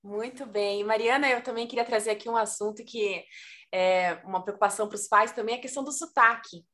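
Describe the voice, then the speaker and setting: A woman hosting an interview, asking questions in a measured, polite way and steering the conversation. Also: fairly high pitch, a bit bright. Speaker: interviewer, deputy consul.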